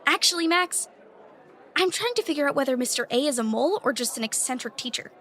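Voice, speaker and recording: Molly, a high, know-it-all schoolgirl. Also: lively intonation, a bit bright. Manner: quick, know-it-all explaining. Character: bright, eager teenage schoolgirl.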